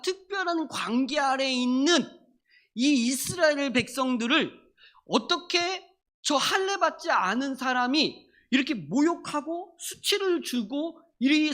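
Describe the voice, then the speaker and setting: Lively, bright-toned preacher in a sermon. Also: high voice. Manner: emphatic, repeats and restates phrases. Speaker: pastor. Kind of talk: Sunday sermon. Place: church service.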